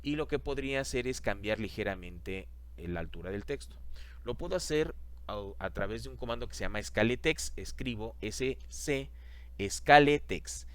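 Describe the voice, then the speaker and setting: Man teaching a software class. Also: mid-range voice, expressive, normal speed. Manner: repeats steps, talks the class through each click. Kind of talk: screen-recorded software lesson.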